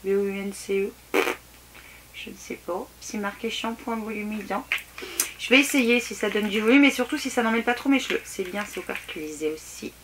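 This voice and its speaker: A woman's voice: mid-range voice, a little fast. A woman chatting casually through a beauty box unboxing, hesitant and full of restarts. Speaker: beauty vlogger. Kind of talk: casual product unboxing review. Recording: faint background noise and clicks.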